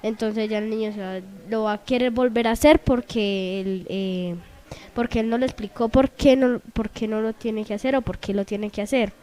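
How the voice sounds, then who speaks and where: A woman's voice: on the high side, steady tone, normal speed, darkish tone. A young woman with a Colombian accent, a guest on a talk show, speaking hesitantly with many fillers.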